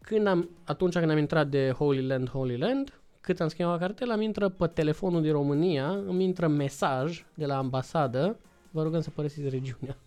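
A man's voice: fairly high pitch, few pauses, darkish tone, clean tone, soft background music. Male podcast guest, chatty storyteller who acts out every quote. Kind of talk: casual storytelling.

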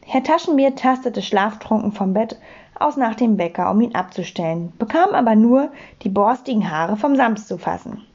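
A woman narrating a children's story audiobook with lively storytelling. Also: a little high, moderate pace, lo-fi sound. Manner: lively storytelling, clear phrasing.

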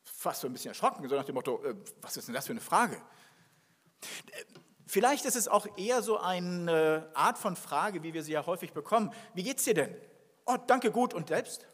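A man's voice: sits high, fairly quick. A man preaching a sermon as pastor, reading scripture and then acting out little dialogues as he tells his story. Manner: animated, acts out dialogue in his telling. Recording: long hall reverb.

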